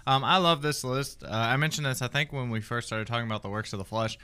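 A man co-hosting a podcast, talking in a halting way with many restarts. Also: medium pitch, bright, forceful tone, clean tone. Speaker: podcast co-host. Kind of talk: casual chat.

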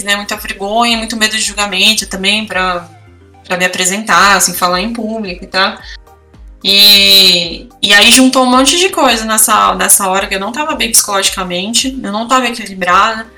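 A woman's voice: medium pitch, moderate pace, bright, forceful tone, distant mic, faint music behind. A woman, co-hosting a podcast, telling personal stories in casual chat with lots of feeling. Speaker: podcast co-host.

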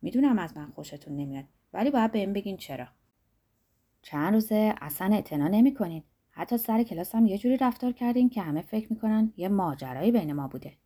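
A woman reading the lines of an earnest young male student who answers softly and insistently. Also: mid-range voice, animated, natural voice. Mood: pleading.

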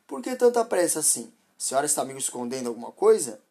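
Woman doing a concerned male driver, insistent questions, husky voice, story reading. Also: sits low, sing-song, quick pace, warm tone, full character voice. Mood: worried. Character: concerned grown man, a passing driver.

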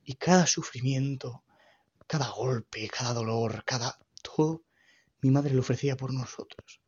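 A man giving an earnest, halting personal faith testimony about caring for his dying mother. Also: mid-range voice, darkish tone, husky, lo-fi sound. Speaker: grieving son giving testimony.

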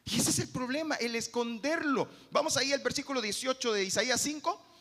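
A man's voice: very high voice, fairly quick, a bit bright, long reverb tail. A male pastor, preaching emphatically and repeating key phrases. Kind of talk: sermon.

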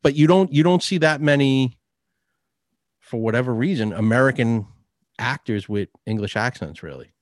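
A man's voice: mid-range voice, animated, normal speed, no room sound, clean studio sound. A man from New York co-hosting a podcast, chatting casually, blunt and swearing freely. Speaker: podcast co-host. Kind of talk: casual chat.

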